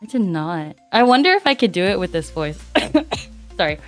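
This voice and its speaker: A woman streamer in casual chat, bubbly and giggly, her voice raspy and hoarse from a week of coughing. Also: fairly low pitch, big pitch swings, normal speed. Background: faint background music.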